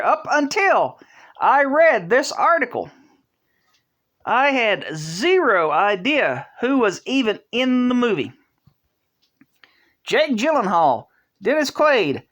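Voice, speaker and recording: A channel host shares casual opinions in a vlog, speaking earnestly and conversationally but haltingly, restarting phrases and filling pauses. The voice sits at medium pitch with a fairly bright tone.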